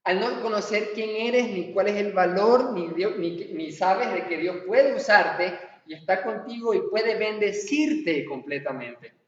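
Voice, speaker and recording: A man preaching a sermon, animated and acting out quoted dialogue. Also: high voice, unhurried, hardly any pauses. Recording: echoey hall, far from mic, dull lo-fi sound.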